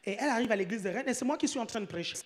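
A man's voice: very high voice, animated, rapid-fire, a little hiss or hum. Man, pastor, church sermon, joke after joke, rhetorical questions. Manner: joking, keeps asking the congregation if they follow.

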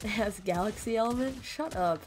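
A woman gaming YouTuber in voice chat, teasing other players and bursting into shrill yelling. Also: fairly quick, slight background noise. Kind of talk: gaming voice chat with live commentary.

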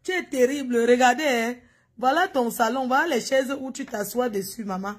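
A woman mocks someone in a video and talks straight at her in a scolding, teasing way. Her voice is fairly high and husky. She speaks as a gossip channel host giving running commentary. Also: normal speed. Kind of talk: mocking commentary over a video.

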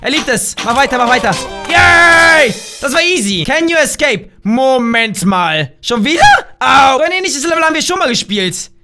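A young man from Germany doing loud, excitable let's play commentary, often shouting and throwing in English slang. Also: very high voice, moderate pace, hardly any pauses, music in the background. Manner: mixes English slang into his talk. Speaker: gaming YouTuber.

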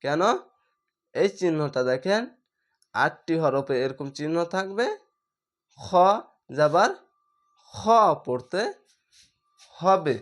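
Male reading tutor, slightly high voice, extremely slow and deliberate, repeats each letter and sound step by step. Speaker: Quran reading teacher. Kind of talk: slow step-by-step recitation lesson.

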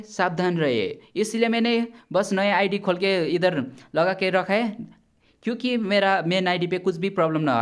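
A man giving casual gameplay commentary as a gaming YouTuber, chatty and blunt, warning his viewers and swearing now and then. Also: high-pitched. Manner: chatty, repeatedly addresses viewers as brother.

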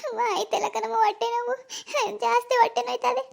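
A woman voicing a young pregnant village woman in labour pains in a cartoon, soft and pleading. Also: very high voice, level tone, quick pace, gravelly, pitched above the performer's own voice, heavily acted. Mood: pained pleading. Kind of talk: cartoon voice acting.

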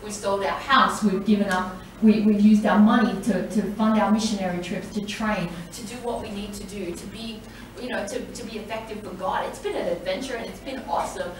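A woman's voice: mid-range voice, fairly even intonation, a little fast. A middle-aged woman church leader giving a personal testimony, telling her story with animation, acting out quoted voices and laughing often. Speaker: church leader, women's day speaker. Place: large church hall. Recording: echoey hall, mic from far off, faint noise.

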